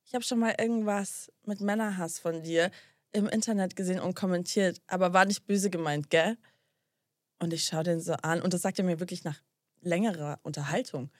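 A young woman with a somewhat low voice tells a story in a casual podcast chat. She plays out both sides of the conversation with sass and tosses in English slang. The sound is dry and close, with no room echo. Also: a little fast. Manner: animated, acts out both sides of a dialogue, drops English slang.

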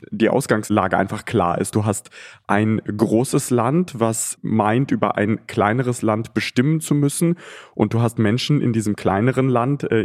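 A man's voice: on the low side, a little mellow. A man born in Ukraine, a journalist guest answering interview questions thoughtfully, with frequent hesitations.

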